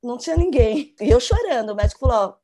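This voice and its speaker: Animated Brazilian woman telling a story. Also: high voice, fast talker. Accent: Brazilian Portuguese. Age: 40s. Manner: animated storyteller who acts out her own panic. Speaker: podcast co-host. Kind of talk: casual chat.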